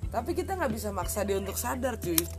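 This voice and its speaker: A woman's voice: medium pitch, very animated, fast. A young woman with a Jakarta accent chatting casually in slang as a podcast co-host, driving her points home emphatically. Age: young adult. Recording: loud music behind the voice.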